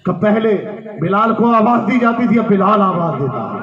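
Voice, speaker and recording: A man's voice: high-pitched, lively intonation, moderate pace, a crowd in the background. A man preaching a devotional sermon, retelling a story with impassioned drama and acted dialogue. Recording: echoey, dull lo-fi.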